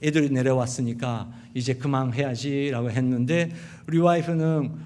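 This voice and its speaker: A middle-aged man with a Japanese accent, a pastor preaching a sermon in an animated storytelling manner. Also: medium pitch, moderate pace. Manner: animated storytelling, acting out quotes of wife and sons. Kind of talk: sermon with acted family stories.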